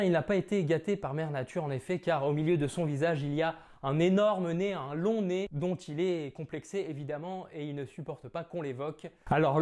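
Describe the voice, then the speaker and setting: A man's voice: a little high, a little mellow. A man talks casually to his viewers as the host of a theatre video. He is playful and jokey, slipping in theatrical asides as he explains.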